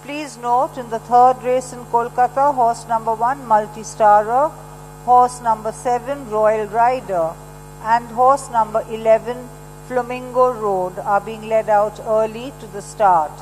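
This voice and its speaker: Woman on a loudspeaker, racecourse announcer, slightly high voice, long echo, faint hum. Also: steady tone. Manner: measured, repeats each item slowly. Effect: over a loudspeaker public address system. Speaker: racecourse public address announcer. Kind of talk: formal announcement.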